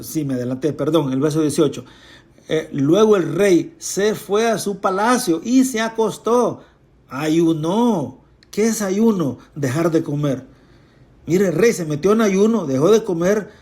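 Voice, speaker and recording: A woman's voice: sits low, warm tone. A woman teaches from scripture, reading a verse and then unpacking it in plain words. She repeats key points, corrects herself and turns to address her listeners directly. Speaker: Bible teacher.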